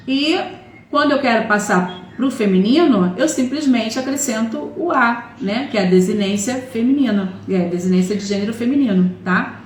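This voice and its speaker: Patient woman teacher in an echoey room. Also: fairly high pitch. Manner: patient, repetitive explaining with many "né?" and "tá?" checks. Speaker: Portuguese teacher. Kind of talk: online grammar lesson. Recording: echoey room with faint noise.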